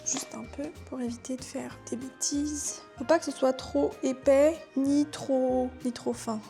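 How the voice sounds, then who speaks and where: A woman's voice: high voice, steady tone, measured pace, gravelly, warm tone, faint music behind. A young woman in her twenties chatting casually and teasingly while cooking in her home kitchen. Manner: chatty, teasing, talks to herself. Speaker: vlogger. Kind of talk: casual cooking vlog chat.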